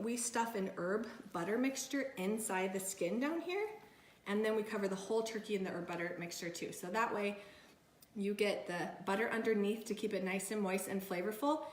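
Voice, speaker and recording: A woman's voice: mid-range voice, echoey room. A woman food blogger giving a casual cooking tutorial in her home kitchen, talking chattily while she works with her hands.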